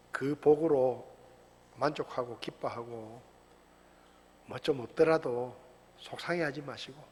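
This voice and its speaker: A middle-aged male pastor from South Korea preaching a sermon, full of rhetorical questions and sudden shouted bursts. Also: medium pitch, long reverb tail, slight background noise. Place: church sanctuary.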